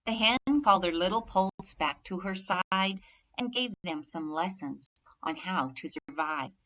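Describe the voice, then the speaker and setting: The storybook reader, a woman whose voice is slightly low yet bright, gives each rhyme of a children's story clear emphasis. She reads slowly, in a measured and expressive way, and the highs are cut off in the audio.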